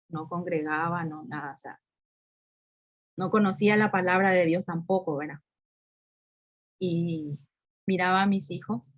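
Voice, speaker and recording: A middle-aged woman giving a personal testimony at a women's talk, unhurried and often tagging on a questioning "right?". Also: fairly low pitch. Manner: unhurried, with frequent rhetorical "¿verdad?". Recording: dull lo-fi recording.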